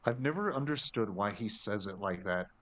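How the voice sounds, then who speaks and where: A man chatting casually on a stream, excitable and incredulous. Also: on the low side, normal speed. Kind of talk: casual chat.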